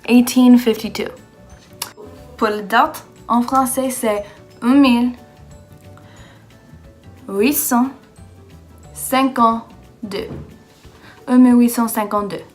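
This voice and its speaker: Slow, halting American woman speaking French. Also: on the high side, fairly even intonation, soft background music. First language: English. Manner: halting, searching for words with many fillers. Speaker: vlogger. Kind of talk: casual vlog in learner's French.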